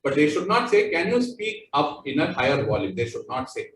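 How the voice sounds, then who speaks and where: A man's voice: on the high side, very animated, fairly quick, fairly bright tone, slight background noise. A man with an Indian accent giving a workplace training talk, with loose, repetitive phrasing and many fillers. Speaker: corporate trainer. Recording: echoey room, voice far from mic.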